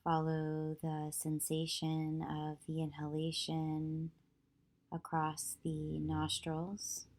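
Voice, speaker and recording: In the manner of a yoga teacher leading deep relaxation, a woman guides a meditation. Her voice is low and mellow, with a very flat, even pitch, and she delivers short, soothing phrases separated by long pauses.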